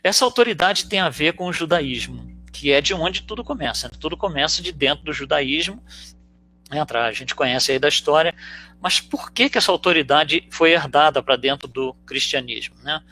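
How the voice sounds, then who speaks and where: A man's voice: fairly high pitch, animated, normal speed, pushed and bright. A man with a Brazilian Portuguese accent giving a conversational spiritist teaching talk, explaining through rhetorical questions and frequent tag questions. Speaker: spiritist lecturer.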